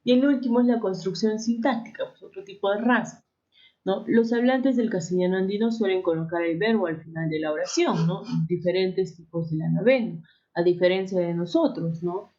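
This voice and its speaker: A woman's voice: medium pitch, moderate pace, mellow, highs cut off. A woman from Arequipa with a Peruvian accent, explaining a lesson to students, checking in often with tag questions and correcting herself as she goes. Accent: Peruvian Spanish, Arequipa. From Peru. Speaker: teacher. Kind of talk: classroom lesson.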